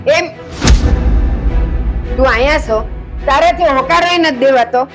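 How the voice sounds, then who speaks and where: A high-pitched older woman speaks. She plays a domineering mother-in-law who scolds and pushes, and faint music runs behind her. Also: unhurried. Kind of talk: village family drama acting.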